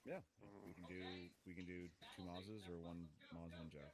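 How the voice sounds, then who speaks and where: A man's voice: sits low, moderate pace, over a noisy crowd. A man making casual tactical talk and radio calls as a player in a military game.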